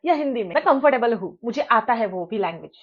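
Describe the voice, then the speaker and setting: A woman voicing a chatty, easygoing young man inside her story, quick and casual. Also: extremely high pitch, expressive, exaggerated voice. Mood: offhand. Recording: dull lo-fi sound.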